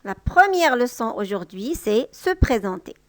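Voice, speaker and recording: Woman, high voice, dry close sound, patient teacher, repeats each example. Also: very animated, dry recording. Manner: patient, repeats example sentences slowly and louder. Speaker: French teacher. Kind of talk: slow, clear language lesson.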